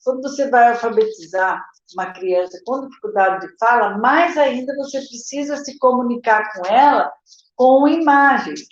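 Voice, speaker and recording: Speaking at a moderate pace with a fairly high pitch, a Brazilian Portuguese-accented literacy teacher answers viewer questions during a live session. She explains things step by step, checks in with viewers, and addresses them directly with "gente" and "tá?". The sound is reverberant and lo-fi.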